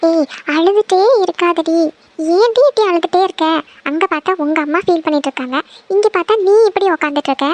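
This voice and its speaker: A woman's voice: very high-pitched, fast. A woman voicing a practical, outspoken young woman friend in a cartoon, giving blunt advice. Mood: advising. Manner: scolding, advising. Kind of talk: cartoon voice acting.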